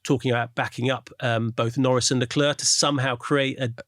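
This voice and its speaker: A man's voice: medium pitch, level tone, a little fast, a bit bright, dry recording, clean studio sound. A man hosting a casual podcast chat, telling a story in a chatty way with frequent restarts. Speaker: podcast host.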